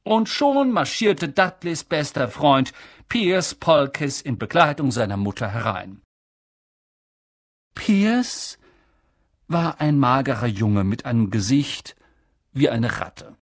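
A male narrator reading a storybook aloud at an unhurried pace. His pitch swings widely as he brings the story to life. The recording is dry and close. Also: no room sound. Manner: expressive, measured storytelling. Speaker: audiobook reader.

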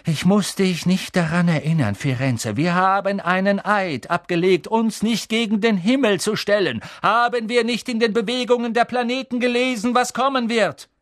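Bane, a booming furious centaur, as a man puts him on. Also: a bit bright, no room sound, studio quality. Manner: thundering, scornful, slow and drawn out. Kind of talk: audiobook character voice.

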